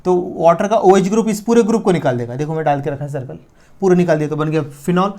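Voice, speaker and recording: A male chemistry teacher, his voice mellow and warm. He walks through reactions step by step, puts a question to the class and answers it himself. He slows right down to spell out formulas. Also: on the high side. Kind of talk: exam-prep chemistry lecture.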